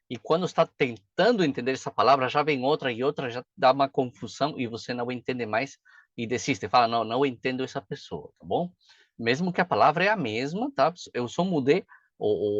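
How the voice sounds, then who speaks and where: Chatty teacher, dull dry recording. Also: male voice, medium pitch, no room sound. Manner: chatty, frequent "tá?" and "né?" check-ins. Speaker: pronunciation teacher. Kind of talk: casual video lesson.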